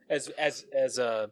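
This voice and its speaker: A man co-hosting a casual podcast chat, rambling and self-deprecating, laughing often as he describes collectible toys. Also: mid-range voice. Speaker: podcast co-host.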